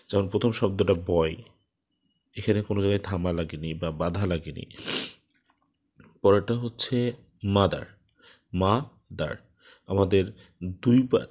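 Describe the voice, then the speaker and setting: A man with a fairly low voice teaching a grammar lesson. He explains patiently and unhurriedly, with frequent hesitant fillers, and stretches each example word out slowly.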